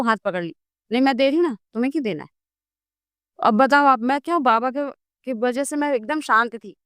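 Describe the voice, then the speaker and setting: A woman guest in a casual interview, telling a personal story in a lively way and acting out the dialogue. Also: on the high side, smooth, no echo, clean studio sound. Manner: animated storytelling, acts out dialogue. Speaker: guest devotee.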